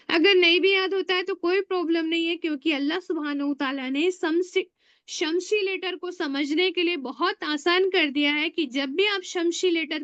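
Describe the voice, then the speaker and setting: A woman teaching an online Arabic grammar class, slowly spelling out letters and often asking the class questions. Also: sits high, a bit bright, dry recording, lo-fi sound. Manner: slow and spelling out letters one by one. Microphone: online video call.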